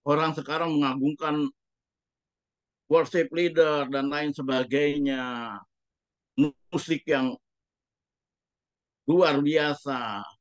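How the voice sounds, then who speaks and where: A man's voice: a little high, fairly even intonation, slow, long pauses, no echo, lo-fi sound. A man preaching a sermon as a pastor, speaking emphatically and putting rhetorical questions to the congregation.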